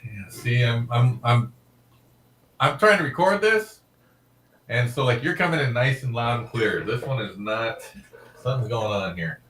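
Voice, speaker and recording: A middle-aged man co-hosting a casual live stream, his voice bright and forceful. He talks loudly by habit and jokes about himself as he chats. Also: mid-range voice, lively intonation, measured pace. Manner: loud, joking, self-deprecating. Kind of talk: casual chat.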